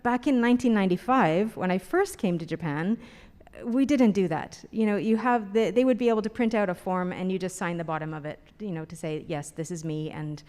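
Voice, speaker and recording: A middle-aged woman talks at her usual pitch on a symposium panel. Her delivery is chatty and full of fillers, and she laughs often. Her voice carries a long reverb from the hall. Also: brisk, darkish tone. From Canada.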